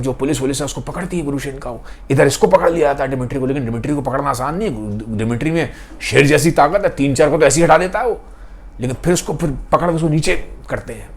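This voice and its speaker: A man casually retelling a novel's story, animated, slipping English phrases into his speech. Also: fairly high pitch, fast talker, vocal fry.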